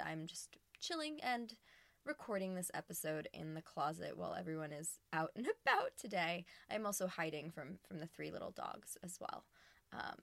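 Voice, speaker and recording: A woman hosts her own podcast from inside a small empty closet, chatting casually and earnestly on her own and restarting often. Her voice sits on the low side, creaky yet fairly bright in tone. No room sound comes through.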